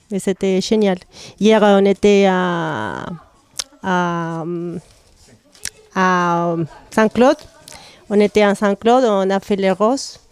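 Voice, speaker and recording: Slow woman speaking French. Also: medium pitch, a little mellow, smooth, no echo. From Argentina. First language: Spanish. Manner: hesitant, searching for French words. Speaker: carnival participant.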